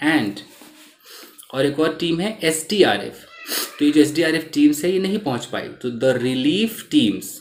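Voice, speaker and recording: A man teaching English in Hindi, reading lines from a news article slowly and then explaining the meaning of each word. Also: medium pitch, a little mellow. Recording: roomy echo.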